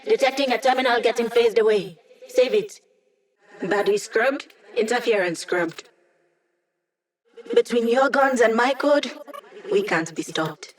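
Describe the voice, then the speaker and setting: A woman's voice: medium pitch, roomy sound, recorded from a distance, natural voice. A woman voicing a cocky, playful young female hacker in a video game, with a wry, teasing, self-assured delivery. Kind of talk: video game character voice lines.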